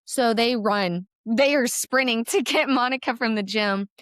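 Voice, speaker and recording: A woman's voice: fairly high pitch, measured pace, a bit bright, smooth, dry recording, clean studio sound. Earnest young American woman telling her story. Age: young adult. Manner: tearful, earnest storytelling with laughs. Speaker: guest, college gymnast. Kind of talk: emotional personal story in a podcast interview.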